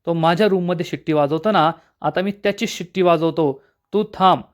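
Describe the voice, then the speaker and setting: A man's voice: on the high side, brisk, lightly acted. A man reading out a hot-headed young groom from a soap recap, fed up and complaining in a slightly raised voice. It is told as part of a spoken episode retelling, and the groom sounds only lightly set apart from the narrator. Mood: irritated.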